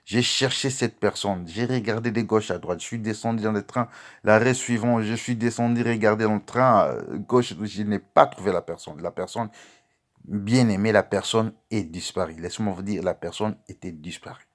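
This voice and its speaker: A pastor with a rather low voice preaches a testimony. He speaks warmly to his beloved listeners and moves from loud outbursts to quiet asides. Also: normal speed. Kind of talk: sermon testimony.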